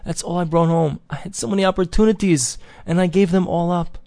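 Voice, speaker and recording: A man's voice: high-pitched, fairly even intonation, brisk, gravelly, dark tone, dry recording, voice pushed up. A ruined husband cries out in a raised, keening voice over everything he has lost, as a man puts him on in a parable. The telling sounds close and dry. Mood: lamenting. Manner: wailing lament. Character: distraught man who came home with nothing.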